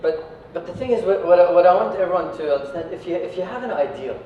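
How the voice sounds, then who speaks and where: A high-pitched, fast-talking man from Iraq, a company founder, delivers an informal talk to an audience and keeps checking in with short tags like "right" and "yeah." The recording is made far from the mic in an echoey indoor venue, so it sounds dull with faint noise.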